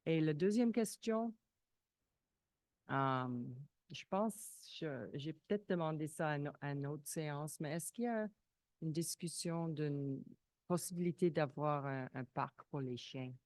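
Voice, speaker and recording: A woman's voice: deep voice, measured pace, darkish tone, no echo. A woman who is not a native French speaker, with a foreign accent in French, raising questions informally as a resident at a public meeting and searching for her words.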